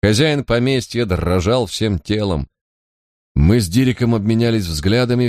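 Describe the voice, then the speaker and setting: A man narrating an audiobook in a measured, dramatic storytelling manner. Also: fairly low pitch, a little mellow, dry recording, clean studio sound.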